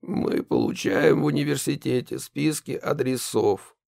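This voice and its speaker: A man reading an audiobook, voicing a nervous, secretive middle-aged son who speaks in a resigned, hushed way. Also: mid-range voice, measured pace, gravelly, no room sound, clean studio sound, voice pushed up.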